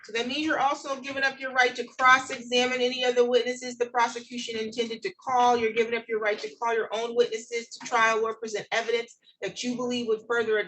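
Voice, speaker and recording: A woman's voice: on the high side, a bit bright, a little hiss or hum, rough recording. A woman speaking as a judge in a courtroom, putting formal questions and explaining procedure step by step.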